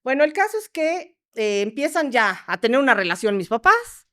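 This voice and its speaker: A woman with a Mexican accent, a podcast guest telling a family story in a lively way and acting out the people she quotes. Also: high-pitched, moderate pace. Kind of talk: casual storytelling in a podcast interview.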